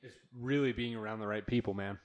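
A man's voice: on the low side, fairly even intonation, fast talker, muffled recording. A man hosting a solo podcast from his new home studio, rambling bluntly and swearing freely. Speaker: podcast host.

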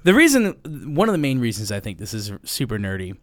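Man, podcast co-host, casual banter, self-mocking, expressive intonation. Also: mid-range voice, quick pace, dry recording, studio quality. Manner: laughing, self-deprecating, swears freely. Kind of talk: casual chat.

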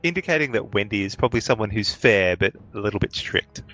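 Lively male game master. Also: on the low side, fast talker, dull audio, soft background music. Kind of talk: narrating a tabletop game.

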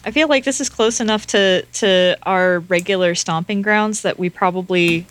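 A woman player in a casual tabletop game chat, unhurried and thinking aloud. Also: mid-range voice, a bit bright, dry recording.

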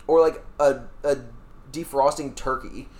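A man's voice: mid-range voice, steady tone, a little slow, a little mellow. A man co-hosting a podcast in casual chat, often hesitating and restarting his sentences. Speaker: podcast co-host.

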